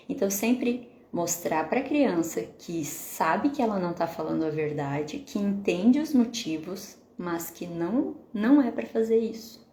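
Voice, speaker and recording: A Brazilian Portuguese woman therapist talks through her live stream in a mellow, warm voice, stopping often to check in with her viewers. The sound bounces around an echoey room, with a faint hum of background noise under it. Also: on the low side. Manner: explanatory, asks the audience questions, frequent "né?". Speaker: psychotherapist hosting a live stream.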